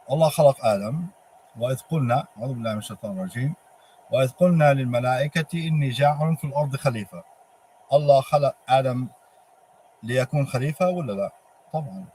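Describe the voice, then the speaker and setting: A man with a Palestinian Arabic accent giving an informal religious monologue, halting and posing emphatic rhetorical questions. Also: medium pitch, dark tone. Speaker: religious speaker. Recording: clearly noisy ambient background.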